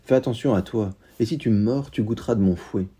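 A man voicing a naive, excitable young farmhand, loud and boisterous, in a read-aloud story. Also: lowish voice, fast talker, husky.

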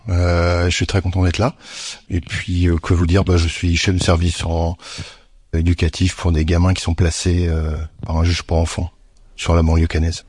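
Man from Normandy, low husky voice, informal self-introduction, hesitations. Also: monotone, normal speed, darkish tone, dry recording. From Normandy, France. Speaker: head of a children's care service.

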